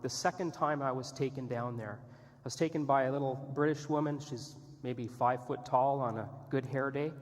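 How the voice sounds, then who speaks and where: A male missionary telling an earnest, candid story as a sermon testimony in a church. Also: mid-range voice. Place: church sanctuary. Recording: long reverb in a church hall.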